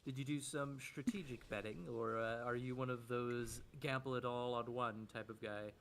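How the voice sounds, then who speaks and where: A man voicing a shrewd male merchant character in a tabletop game, speaking politely with pauses and hesitations. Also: medium pitch, steady tone, a bit bright, a little hiss or hum, natural voice. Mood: genial.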